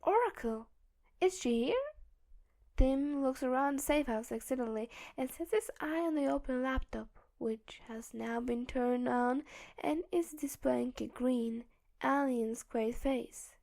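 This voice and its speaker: A woman narrating a fan audiobook, steady and measured. Her voice sits fairly high, and she takes her time through each sentence. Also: gravelly.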